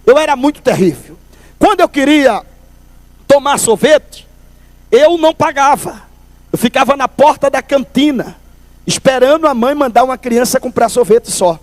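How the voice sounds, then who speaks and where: A man's voice: extremely high pitch, moderate pace, dry recording. A man from Recife, telling a humorous testimony at a church service and calling listeners brother. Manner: lively storyteller, calls listeners brother.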